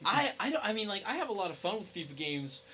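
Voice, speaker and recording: A young adult man co-hosts a podcast, chatting casually in a rambling, informal style. His voice sits high and sounds sharp, and he talks fast and with lots of animation over slight background noise.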